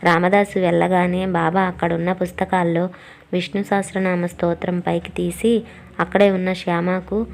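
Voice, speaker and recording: A woman narrating a devotional story in a calm, steady reading manner. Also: lowish voice, moderate pace, vocal fry, slight background noise.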